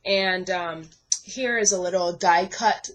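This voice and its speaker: A woman's voice: on the low side, takes it slowly, a little hiss or hum, poor audio. A young woman from the Bahamas, casually walking through her scrapbook pages at a craft desk at home, chatty with many ums and self-corrections. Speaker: scrapbooking vlogger. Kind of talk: casual show-and-tell walkthrough.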